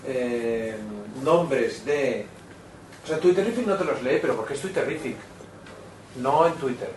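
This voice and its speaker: A man speaks up from well back in an echoey room and asks questions at a meetup. His mid-pitched voice is conversational, with faint background noise around it. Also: animated, a little slow, darkish tone. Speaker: meetup participant. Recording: echoey room, far from the mic.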